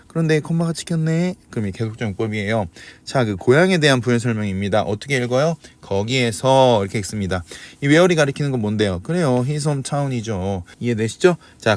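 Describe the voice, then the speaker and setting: In a recorded English grammar lecture, a man with a medium-pitched voice poses questions and then answers them himself. He shifts back and forth between polite and casual speech.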